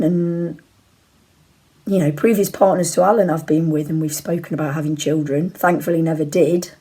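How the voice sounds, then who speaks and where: A woman in her forties talks to camera like a chatty video blogger. Her voice sits fairly low and is husky and croaky, as if she is under the weather. She rambles candidly and informally as she answers questions. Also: mellow. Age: 40s. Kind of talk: casual chat to camera, answering viewer questions. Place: bedroom at home, indoors.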